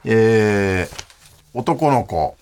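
A man's voice: on the low side, lively intonation, drawn-out words, darkish tone, a little hiss or hum. A man hosting a radio show, chatting casually and reading listener letters with a dry, wry delivery.

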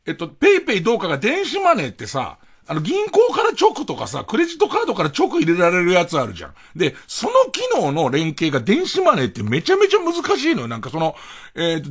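Man, radio host, late-night monologue, husky tone, very animated pitch. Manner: rambling comic anecdote, acts out dialogue. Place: radio studio.

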